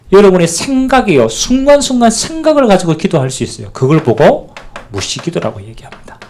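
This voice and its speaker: A man pastor preaching a sermon, animated and calling out to the congregation for amen. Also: a little high.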